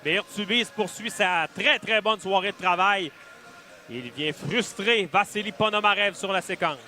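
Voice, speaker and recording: A man with a Quebec French accent giving animated live colour analysis of a hockey game. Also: high-pitched, normal speed.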